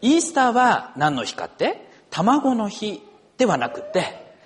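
A man's voice: sits high, huge pitch swings, measured pace. A middle-aged man, a pastor, praying formally and then preaching a sermon with storytelling. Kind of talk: church prayer and sermon.

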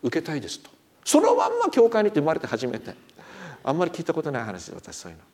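A man's voice: on the high side, very fast. A middle-aged man, a pastor, preaching a sermon and telling stories, acting out the quoted speech of the people in them. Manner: animated storyteller, acts out quoted speech. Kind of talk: sermon with storytelling.

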